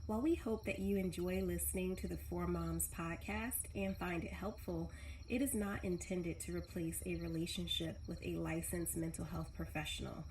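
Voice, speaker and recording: A woman reads a scripted disclaimer carefully and plainly. Her voice sits a little low, with faint background noise. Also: steady tone, normal speed, a little mellow, poor audio. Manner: careful, read-out. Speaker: podcast co-host.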